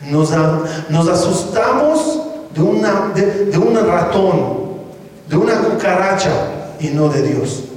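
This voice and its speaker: A man's voice: sits high, heavy reverb, big-room sound, far from the mic, low-quality recording. A man giving a sermon, telling stories and asking the audience rhetorical questions. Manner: stops to give instructions to a helper. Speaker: rabbi giving a talk.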